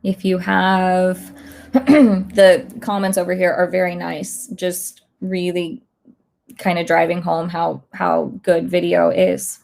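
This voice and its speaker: Slightly hoarse woman with a gravelly edge. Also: on the low side, slow. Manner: relaxed, thinking aloud with many fillers. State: slightly hoarse, losing her voice. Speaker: online instructor. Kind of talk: casual livestream chat.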